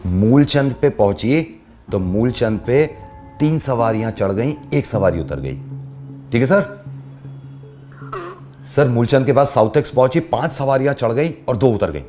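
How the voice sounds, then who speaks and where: A man's voice: mid-range voice, lively intonation, unhurried, dark tone. Man, radio host, playful teasing storyteller, faint background music. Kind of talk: playful prank call chat.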